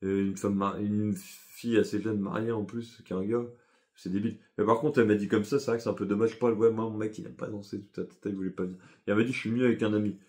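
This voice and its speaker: A man's voice: lowish voice, fairly even intonation, fast, a little mellow. A young man telling a story in a casual vlog, rambling and slangy, with lots of fillers and self-corrections. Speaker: vlogger.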